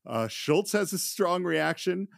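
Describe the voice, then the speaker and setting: A man's voice: sits high, lively intonation, takes it slowly, creaky, heavy background noise. A man hosting a podcast, explaining things in an analytical, self-deprecating way in casual chat. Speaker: podcast host. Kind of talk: casual podcast film discussion.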